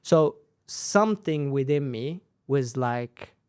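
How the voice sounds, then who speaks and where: Taking it slowly in a smooth, mid-range voice, a young adult founder of Persian mother tongue and Swedish upbringing recounts his story in a casual interview. He's animated, uses tag questions, and repeats phrases for emphasis; the studio-quality audio has no room sound.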